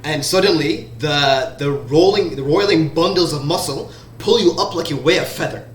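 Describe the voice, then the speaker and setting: A man narrating as game master in the second person, slow and halting with restarts. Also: on the high side, a little hiss or hum. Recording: roomy sound, faint background music.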